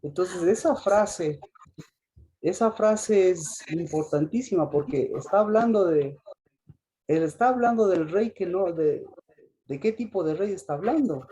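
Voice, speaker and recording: A man's voice: high-pitched, lively intonation, measured pace, warm tone, slightly rough. A man preaching a sermon, often repeating and restarting phrases and asking the congregation rhetorical questions.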